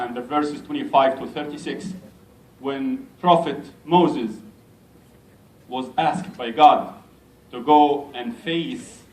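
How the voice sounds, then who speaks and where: Slow-speaking imam in echoey hall. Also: male voice, medium pitch. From Egypt. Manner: unhurried, gently self-mocking speaker. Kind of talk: speech at a community gathering. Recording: echoey hall, mic at a distance.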